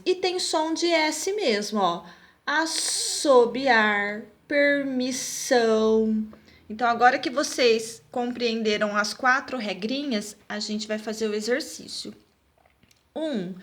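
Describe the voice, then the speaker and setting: Brazilian woman schoolteacher, slow and patient, slightly high voice, recorded class. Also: fairly bright tone. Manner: patient, spells out words, checks with "tá bom?". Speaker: teacher.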